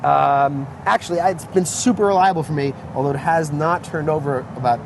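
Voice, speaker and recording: A man talks casually outdoors, rambling through enthusiastic explanations and stopping often for fillers. His voice sits a little high for a man. Loud street and traffic noise runs under the whole recording. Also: brisk, gravelly. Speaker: car owner guest. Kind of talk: casual chat. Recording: noisy outdoor street sound.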